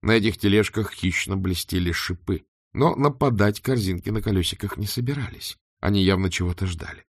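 A man narrating an audiobook in an expressive storytelling manner. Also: sits low, brisk, slightly rough, dry recording, studio quality. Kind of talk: scripted narration.

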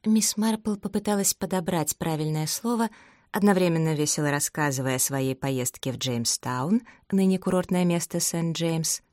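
A woman narrating an audiobook in a steady, measured storytelling manner. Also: low voice, dry recording, studio quality. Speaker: audiobook reader. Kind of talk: scripted narration.

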